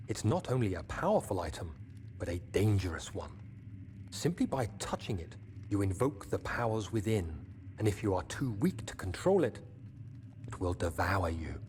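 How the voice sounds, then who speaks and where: An actor playing a troubled, educated nineteenth-century gentleman, reading his journal in a formal, solemn way for a video game. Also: on the low side, a little hiss or hum. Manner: formal, solemn, measured recital. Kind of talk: scripted diary narration in a video game.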